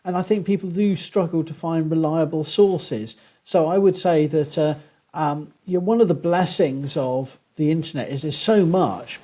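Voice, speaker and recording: Podcast guest: male academic, modern posh Southern English accent, slightly high husky voice, animated explainer. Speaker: guest archaeologist. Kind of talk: conversational podcast interview.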